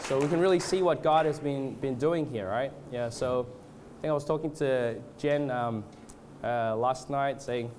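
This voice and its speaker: A medium-pitched man, born in Australia and now living in Canada, preaches informally as a guest at a church revival while suffering from a cold. His halting, hesitant sermon includes congregational prayer, with background noise audible.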